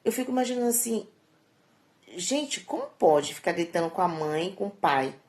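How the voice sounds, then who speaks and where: A woman's voice: fairly low pitch, lively intonation, normal speed, darkish tone. A middle-aged woman, talking to her viewers in a chatty, preachy vlog monologue that turns emphatic and scolding. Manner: chatty and preachy, often tagging sentences with a questioning aside. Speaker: vlogger. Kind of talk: casual vlog monologue giving life advice.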